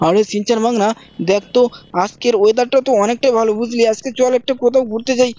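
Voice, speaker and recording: A gaming channel host narrating gameplay and scolding characters in a loud, theatrical role-play. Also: mid-range voice, steady tone, quick pace. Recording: dry, dull lo-fi mic.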